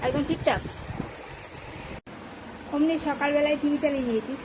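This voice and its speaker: A high-voiced woman speaks casually, like a mother running a home vlog. Her manner is playful and chiding, homely and informal. The recording carries clear household noise. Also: normal speed. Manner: nagging, playful, chiding family talk. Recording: noisy home phone-video recording.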